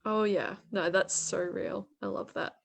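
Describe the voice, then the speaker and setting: A young woman, co-hosting a casual chat about relaxing media, bubbly and quick to laugh. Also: mid-range voice, steady tone, gravelly. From Australia. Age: young adult. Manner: bubbly, laughs often, says "like" a lot. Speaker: co-host.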